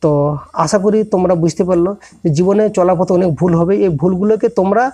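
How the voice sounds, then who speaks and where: A man with a fairly high voice gives a relaxed moral lesson to students. He talks to them directly and conversationally, often breaking off and restarting his sentences as he works through his point. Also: fast. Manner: conversational, many restarts and self-corrections, addresses listeners directly. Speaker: online tutor giving a moral talk. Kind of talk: informal motivational lecture to students.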